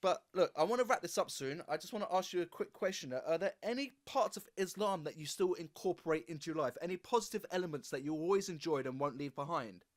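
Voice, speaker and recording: A man's voice: fairly high pitch, animated, fast talker, few pauses. A man hosting a podcast interview, thinking aloud in loose, reflective phrases. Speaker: podcast host. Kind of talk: conversational interview.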